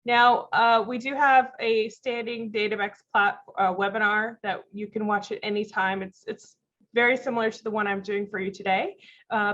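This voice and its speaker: A company vice president presents a live product demo in a software webinar, friendly and explanatory with frequent ums. Her medium-pitched voice is congested from a cold, with a slight cough, and the video call mic gives dull lo-fi audio.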